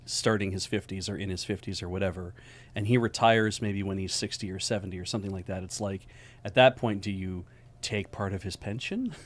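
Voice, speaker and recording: A man's voice: deep voice, fairly even intonation, brisk. A middle-aged man co-hosting a casual discussion, rambling through points with everyday examples. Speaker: co-host.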